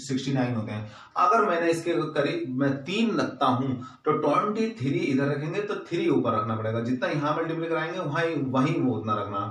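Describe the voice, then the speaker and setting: Guy walking through a maths problem slowly, keeps asking and answering himself, sounds a bit off-mic in a roomy echo. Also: medium pitch, recorded from a distance. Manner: patient, step-by-step explaining with repeated rhetorical questions. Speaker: maths teacher. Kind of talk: exam-paper maths lesson.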